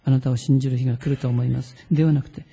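A man preaching a sermon as pastor, earnest and pleading, sometimes leading a slow prayer read aloud. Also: mid-range voice, level tone, gravelly, mellow, slightly rough, in a large hall.

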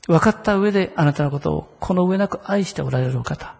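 A man's voice: fairly high pitch, fairly quick, creaky, a little mellow, in a large hall. A man preaching a sermon in a conversational way, often asking the listeners rhetorical questions. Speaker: pastor.

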